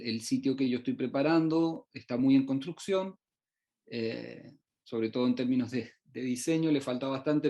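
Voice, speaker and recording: A middle-aged man, born in Uruguay and raised in Chile, gives an online research presentation, halting often with fillers and restarts. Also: medium pitch, dark tone. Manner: hesitant, many fillers and restarts. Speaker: researcher presenting his work.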